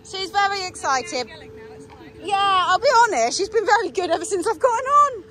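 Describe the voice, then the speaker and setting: A woman's voice: extremely high pitch, expressive, moderate pace, bright, forceful tone, a little hiss or hum. A young woman vlogging from horseback outdoors, cooing praise and reassurance to her horse. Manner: coos and praises the horse in a soothing voice. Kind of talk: casual vlog chat, talking to her horse. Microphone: action camera.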